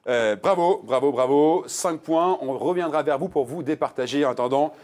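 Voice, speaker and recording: Hosting a television quiz, a man with a slightly high voice speaks at a moderate pace. He reads multiple-choice questions in a lively, emphatic way and keeps joking with the players.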